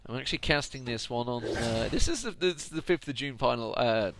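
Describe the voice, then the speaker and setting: Late at night, an esports commentator gives solo, rambling play-by-play on a video game, sounding tired and chatty and frequently correcting himself. His voice sits at medium pitch and moves briskly. There's steady noise beneath him.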